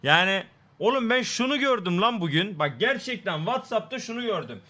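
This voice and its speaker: A man's voice: high-pitched, sing-song, normal speed, pushed and bright. A young man chatting casually with friends on a game stream, bantering and swearing freely.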